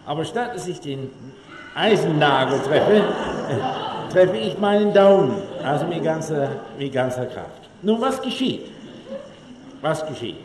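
A man giving a public lecture to an audience, telling humorous anecdotes in an animated way. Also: on the high side, measured pace, crowd noise. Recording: echoey hall, faint room ambience.

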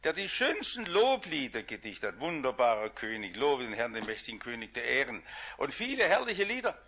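Bright-voiced preacher man, dull recording. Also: mid-range voice, fairly quick, slightly rough. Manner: lively, swings between loud emphatic and hushed speech. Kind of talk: sermon.

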